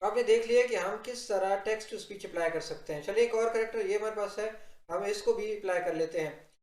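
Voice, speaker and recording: A man giving a software tutorial, explaining step by step and addressing viewers directly in an instructional narration. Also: high voice, normal speed. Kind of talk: instructional screen-recording narration. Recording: roomy, echoing voice-over.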